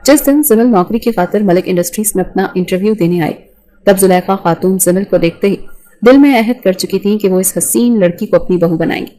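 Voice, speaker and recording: Woman reading a love story novel aloud, mellow dark tone, steady. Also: mid-range voice, poor audio. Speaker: narrator. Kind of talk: scripted narration of a romance novel.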